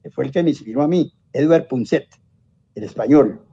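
A man's voice: medium pitch, normal speed, creaky, warm tone, slightly rough, no room sound, muffled recording. An older man with a Colombian accent, a lawyer giving a rambling, anecdotal interview full of asides and self-corrections. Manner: discursive, tag questions and exclamations, self-corrects. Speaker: lawyer and science popularizer, interview guest.

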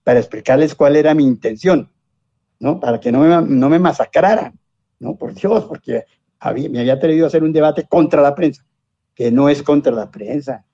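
Heard in a dry, dull recording, this older lawyer and science popularizer speaks with a Colombian accent in a fairly high, mellow, slightly rough voice. As an interview guest he is discursive and anecdotal, drifting into asides, tossing in tag questions and exclamations, and revising what he says.

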